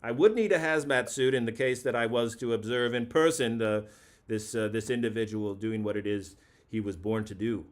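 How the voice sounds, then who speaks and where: A man hosting a late-night comedy call-in show, mid-pitched and unhurried. He talks in a mock-grandiose, rambling way. He keeps circling back over his own phrases as if savouring them.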